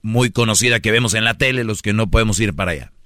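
A man bantering as co-host, slangy and relaxed. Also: on the low side, fast talker, no room sound, studio quality. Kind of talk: casual banter.

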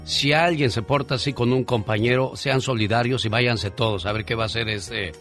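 A man's voice: mid-range voice, a little fast, fairly bright tone, faint music behind. A man, co-hosting a radio show in a playful way and speaking to listeners. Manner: playful, gives advice to listeners. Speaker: radio host. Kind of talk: casual radio banter.

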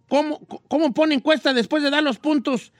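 A man doing a shrill, excitable old radio host. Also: brisk, no echo, clean studio sound. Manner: exclamatory, repeats words and stammers. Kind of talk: radio call-in show hosting.

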